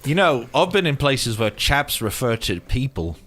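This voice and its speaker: A man's voice: mid-range voice, sing-song, moderate pace, a bit bright. A man playing a tabletop game, easygoing and fond of wordplay. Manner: joking, wordplay-prone, easygoing. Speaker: player. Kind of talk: casual tabletop chat.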